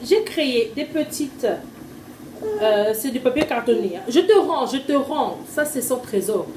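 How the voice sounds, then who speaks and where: A woman, a parent teaching her child to read at home, explaining in an informal tutorial and slowly sounding out letters and syllables. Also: sits high, animated, noisy background. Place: at home with a small child nearby. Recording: echoey room, mic far off, faint ambience.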